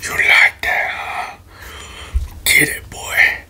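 Man whispering tingly ASMR mouth-sound role-play. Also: sharp tone. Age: young adult. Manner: playful, teasing, slow murmured repetitions. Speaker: ASMR video creator. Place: small bedroom, indoors. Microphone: close desk microphone in front of him.

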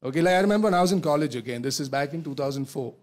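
A man's voice: fairly high pitch, lively intonation, rapid-fire, darkish tone. A man in his thirties from Kerala with an Indian English accent, doing a conversational stand-up comedy set and checking in with the crowd. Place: comedy stage.

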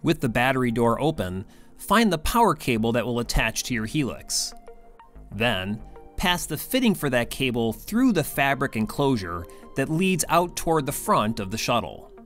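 Male instructor voice-over, animated pitch, clear steps, faint music underneath. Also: normal speed.

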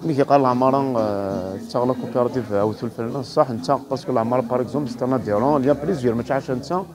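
A man in his thirties from a farm cooperative explains his work quickly in casual talk, mixing in French, at an outdoor fair stand on a lapel mic. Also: mid-range voice. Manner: quick, mixes French into speech. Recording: crowd noise behind.

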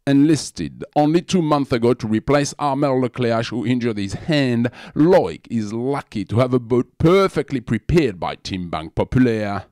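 A man with a French accent, reading scripted sailing news as the show's presenter in a measured, dramatic voice-over. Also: medium pitch, expressive, darkish tone, no echo. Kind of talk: scripted sports news narration.

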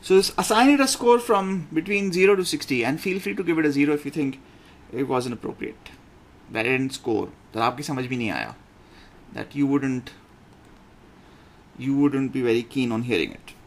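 A middle-aged man with a Pakistani accent giving an informal online lecture as a coach, in a blunt, halting way that repeats phrases for emphasis. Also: medium pitch, lively intonation. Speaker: business lecturer and pitching coach. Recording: clearly noisy room recording.

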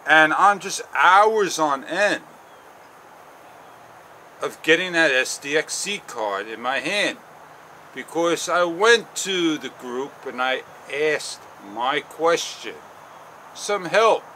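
A man in his forties vlogging outdoors, rambling slowly and haltingly with frustration, on a clip-on mic. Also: a little high, animated, bright, forceful tone, a little hiss or hum. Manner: slow, halting, frustrated rambling with long pauses. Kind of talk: casual walk-and-talk vlog. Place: outdoors on a sunny garden patio and paths. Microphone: small wireless clip-on mic.

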